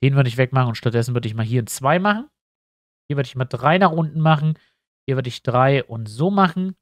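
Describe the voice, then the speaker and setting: Thinking out loud as he builds a tabletop map, this YouTuber chats easily with viewers in a relaxed screen-capture tutorial, his nose audibly stuffy. He speaks in a mid-range, expressive voice at a slightly quick clip, with no room sound.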